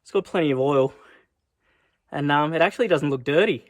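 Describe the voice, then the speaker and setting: A man's voice: on the high side, a little fast, no echo, studio quality. An Australian man chatting casually in a vlog as he works on a car, with laid-back, sweary, blokey Aussie slang. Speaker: car build vlogger. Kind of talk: casual vlog chat while working on a car.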